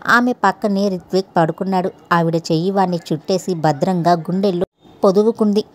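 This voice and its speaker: A woman narrating a serialized story in steady, even tones. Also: fairly low pitch, a little fast. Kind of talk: scripted narration.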